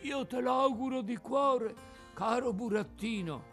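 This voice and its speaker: A man's voice: very high voice, measured pace, a bit bright, faint music behind, pitched above the performer's own voice. A man voicing a resigned, philosophical old male tuna with a cracked, out-of-tune voice, in an audiobook reading. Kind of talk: audiobook character voice.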